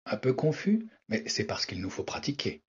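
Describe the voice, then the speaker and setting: A man, a language teacher, narrating a scripted explanation in a measured, wry way. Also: medium pitch, very animated, husky. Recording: dull lo-fi recording.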